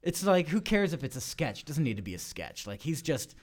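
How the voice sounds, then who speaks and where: A man's voice: a little high, sing-song, fairly quick. Guy rambling on a studio mic about sketch shows, lots of uh and like. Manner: rambling, many fillers and restarts. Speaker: improv and sketch performer, guest. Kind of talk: casual interview chat. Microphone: studio microphone.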